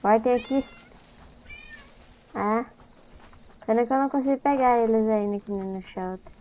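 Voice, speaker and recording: A woman's voice: on the high side, moderate pace. Chatty young Brazilian woman gamer. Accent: Brazilian Portuguese. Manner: chatty, easily startled, talks to the game. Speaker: gaming YouTuber. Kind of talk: casual let's-play commentary. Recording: dull lo-fi sound with game music behind.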